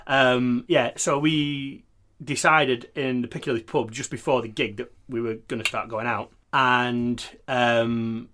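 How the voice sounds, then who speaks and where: A man from England co-hosts a casual podcast and tells a story at a relaxed pace. He pauses often with fillers as he recalls the details. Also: medium pitch. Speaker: podcast co-host. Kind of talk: casual chat.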